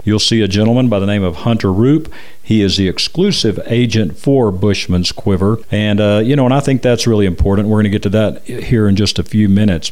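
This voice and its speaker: An American man with a lowish, slightly mellow voice hosts a radio show, chatting conversationally as he interviews guests and promotes. He repeats phone numbers slowly and deliberately.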